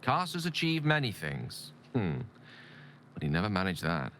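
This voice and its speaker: Gale, an impassioned, bright-voiced ambitious wizard. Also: male voice, low voice, huge pitch swings, moderate pace, a little hiss or hum, heavily acted. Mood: earnest, persuasive. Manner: articulate, theatrical, earnest, formal phrasing. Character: ambitious, eloquent, embittered male wizard pleading his case. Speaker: video game companion character. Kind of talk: dramatic game dialogue acting. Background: background music.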